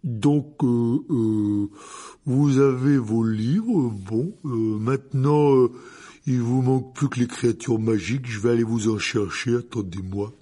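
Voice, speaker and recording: A man's voice: lowish voice, big pitch swings, takes it slowly, a little mellow, breathy edge, heavily acted. An actor playing a huge, kindly, clumsy half-giant teacher who stumbles over his words with many fillers. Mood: flustered. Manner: hesitant, full of fillers, eager. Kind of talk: dramatized audiobook reading.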